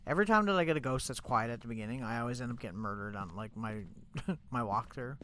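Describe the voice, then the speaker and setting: A young man talks loosely to his viewers while he plays, his voice stuffed up and congested. He rambles with plenty of filler words at a mid-range pitch, and a faint hiss sits under the recording. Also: fast. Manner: chatty, rambling, many fillers like "like" and "you know". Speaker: streamer. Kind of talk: casual live-stream chat while gaming.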